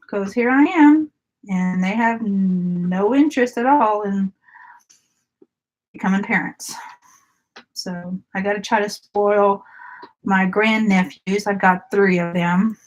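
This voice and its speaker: A woman's voice: mid-range voice, slow, pauses often, poor audio. A woman, chatting casually with viewers during a craft live stream and often laughing. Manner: chatty, giggly, talks to viewers by name.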